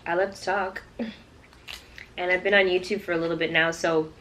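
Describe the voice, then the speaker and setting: A woman with a slightly low voice tells stories in a casual, chatty vlog style. She speaks straight to her viewers in a conversational way, with faint noise behind her. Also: level tone, moderate pace, a bit bright. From Toronto, Canada. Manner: conversational, addressing viewers directly. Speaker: YouTube vlogger. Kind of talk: casual chatty mukbang storytime.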